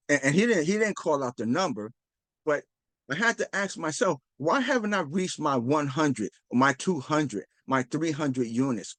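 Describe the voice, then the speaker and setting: A man talks earnestly in a casual, motivational way. He rambles and restarts his sentences, acting out bits of dialogue in a middle-pitched voice. The recording is dry and close, with no room sound. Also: no room sound. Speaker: host.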